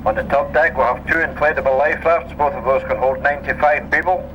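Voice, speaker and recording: A man's voice: mid-range voice, brisk, muffled recording, a little hiss or hum. A Scottish man giving a joking safety briefing and tour commentary as a ship tannoy announcement. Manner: dry, joking patter. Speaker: tour boat crewman.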